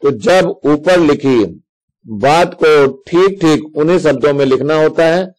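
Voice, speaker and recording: A man's voice: fairly high pitch, unhurried, darkish tone, poor audio. A male teacher explaining Hindi grammar to schoolchildren, reading examples out step by step in a patient way.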